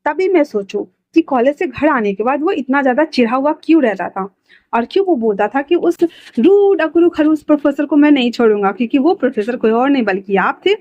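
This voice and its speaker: A woman's voice: high-pitched, lively intonation, fairly quick, dry recording. A woman voicing a curious, protective young man questioning his brother's suitor, on a dull lo-fi recording. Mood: probing.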